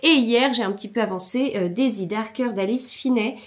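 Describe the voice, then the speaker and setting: A woman chatting casually in a reading vlog, hesitant, with many fillers and restarts, sometimes trailing off into soft muttering. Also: a little high, moderate pace. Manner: mutters softly while searching her book. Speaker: book vlogger. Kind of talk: casual chat.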